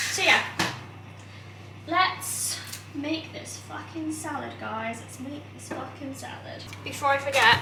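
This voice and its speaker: Young woman, high voice, chatty and self-deprecating, cooking vlog, echoey kitchen. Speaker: vlogger. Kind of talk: casual vlog chat while cooking. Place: home kitchen. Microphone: camera on the counter. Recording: echoey kitchen with loud background noise.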